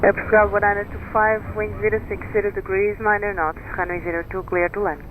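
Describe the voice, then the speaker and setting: A man's voice: high-pitched, level tone, quick pace. A man working as an air traffic controller, giving clipped standard instructions over aviation radio. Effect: aviation radio transmission. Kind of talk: pilot-and-tower radio phraseology, clipped instructions. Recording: narrow-band radio with faint noise.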